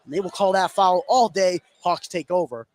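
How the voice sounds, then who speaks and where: Over the din of a busy indoor gym, a male commentator runs through live high school basketball action at an ordinary speed. His voice lifts with excitement whenever a big play happens.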